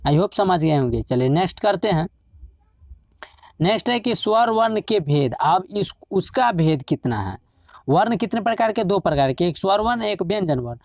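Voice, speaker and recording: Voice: medium pitch, big pitch swings, moderate pace, vocal fry, a little mellow, dry recording. A teacher giving a grammar lesson for exam students, repeating each point and asking questions before answering them, sometimes stretching out sounds to demonstrate. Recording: dull lo-fi dry recording.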